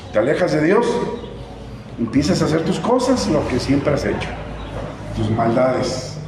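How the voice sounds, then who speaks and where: A man preaching a sermon as pastor, emphatic, asking the congregation questions and repeating words for stress. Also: a little high. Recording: echoey hall with background noise.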